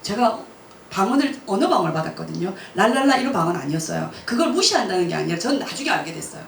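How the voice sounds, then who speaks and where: A woman missionary telling a personal testimony at church, lively and laughing often as she acts out her own words. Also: mid-range voice, quick pace, creaky. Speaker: missionary speaker. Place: church hall. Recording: roomy church hall, mic from a distance, faint noise.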